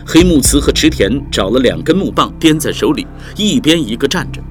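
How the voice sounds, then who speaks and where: A man narrating an audiobook in a vivid, expressive way, with music behind. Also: medium pitch, brisk. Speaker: storyteller.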